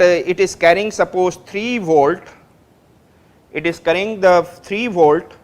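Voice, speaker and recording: In a classroom lecture, a man with an Indian English accent explains things step by step, repeating phrases as he builds each point. He stops often to check that his students understand, and his voice sits high.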